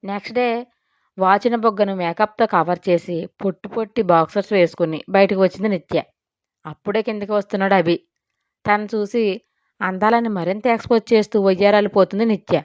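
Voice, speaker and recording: A woman narrating a story in a lively, expressive way. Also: mid-range voice, fairly quick, no room sound. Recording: dull dry lo-fi sound.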